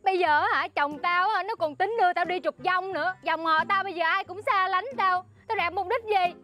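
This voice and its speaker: A woman's voice: very high-pitched, normal speed, sharp tone, soft background music. An actress with a Southern Vietnamese accent playing a naive wife who complains and pleads with her friend. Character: naive, put-upon young wife. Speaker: actress in a comedy sketch.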